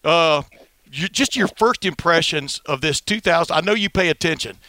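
A man's voice: a little high, animated, normal speed, bright, forceful tone, dry recording. A man hosting a sports podcast, chatting and commenting in a folksy, jokey, rambling way.

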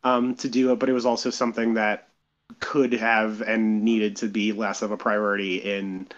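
A man co-hosting a podcast in casual chat, speaking haltingly and carefully with a self-deprecating touch, recorded on his phone. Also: fairly low pitch, level tone, muffled recording. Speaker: podcast co-host.

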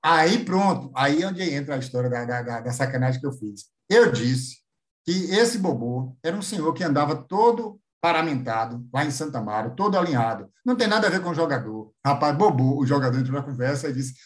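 A man's voice: medium pitch, expressive, brisk. Irreverent man in his fifties. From Bahia, Brazil. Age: 50s. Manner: irreverent, joking storyteller who mimics voices. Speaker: author, guest. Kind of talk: casual interview chat.

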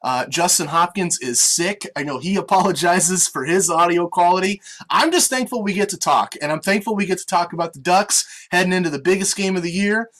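An American man hosts a casual sports podcast. His voice is bright and forceful, sitting slightly high for a man. He talks conversationally, like someone used to being on air. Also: fairly quick, hardly any pauses. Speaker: podcast host with on-air experience. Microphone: online video meeting call.

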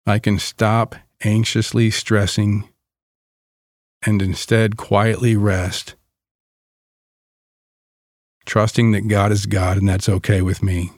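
Very slow, calm man guiding meditation. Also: fairly low pitch, no echo, clean studio sound. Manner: calm, soothing, gentle delivery with long pauses. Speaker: guided meditation leader.

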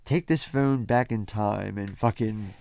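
A man's voice: fairly low pitch, measured pace, gravelly, a little mellow. A man hosting a casual movie recap from his notes, blunt, sarcastic and freely swearing. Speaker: podcast host who leads the recap.

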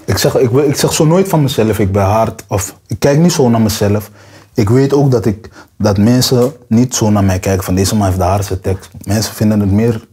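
A man's voice: lowish voice, normal speed, breathy edge. A young man rapper, interview guest, talking in casual street slang and acting out quotes with a raised voice. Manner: animated, acts out quotes with raised voice.

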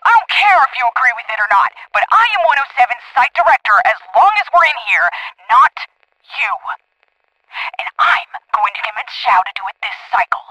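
An actress playing an angry site director who turns sarcastic on a call. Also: female voice, on the high side, sing-song, fairly quick, bright, forceful tone, dry recording, full character voice, rough recording. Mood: furious.

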